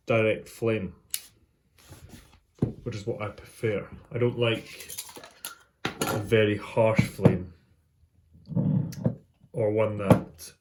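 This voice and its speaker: A man with a fairly low voice hosts a casual vlog. He speaks off the cuff in halting phrases that often trail off before he picks up the next thought. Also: heavy background noise. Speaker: host of a pipe smoking vlog. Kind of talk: casual unscripted vlog chat.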